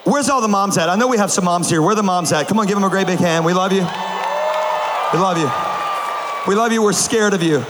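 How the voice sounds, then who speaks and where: A man preaching a comedic sermon to a large crowd, telling stories with animated bursts of shouting. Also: sits high, fast, pauses often, background noise. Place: large auditorium with a live audience. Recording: long hall reverb, faint ambience.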